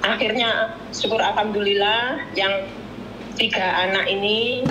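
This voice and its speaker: A woman in her forties, once a domestic worker, speaks at a measured pace with a medium-pitched, steady voice. Telling her story as a casual interview guest, she meanders, acts out quoted voices, and repeats "Miss." It was recorded in a small home room, and the audio is roomy, dull, and noisy.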